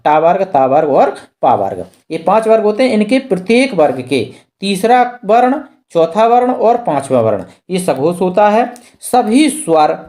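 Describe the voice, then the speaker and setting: Mellow-voiced teacher explaining step by step. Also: medium pitch. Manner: explains step by step, repeating key terms; asks questions and then answers them. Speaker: Hindi grammar teacher. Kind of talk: exam practice lesson.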